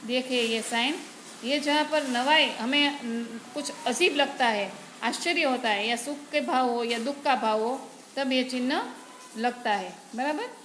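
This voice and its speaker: In an echoey room with faint background noise, a Gujarati woman teacher patiently walks through Hindi grammar one step at a time, frequently saying "barabar". She speaks in a high, fairly bright voice that is animated yet unhurried.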